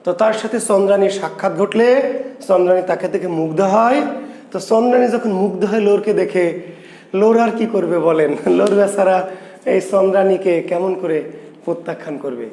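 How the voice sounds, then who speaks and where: A man with a fairly high but mellow voice, teaching a literature class in an echoey classroom. He asks questions and answers them himself, and he repeats the key terms. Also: a little fast. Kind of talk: classroom lecture.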